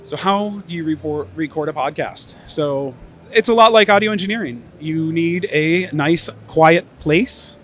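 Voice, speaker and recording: Soft music plays behind a man presenting from an expo stage at an audio trade show. His voice is a little high and fairly bright, and he speaks unhurriedly in a relaxed conference-talk way, tired from lots of interviews and prone to fillers and restarts.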